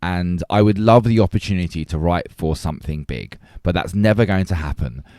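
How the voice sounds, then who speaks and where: Low voiced guy making his case on a podcast, stops and restarts a lot, dry sound. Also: a little fast, darkish tone, no room sound. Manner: earnest, restarts words, argues a point. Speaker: podcast co-host. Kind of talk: casual debate chat.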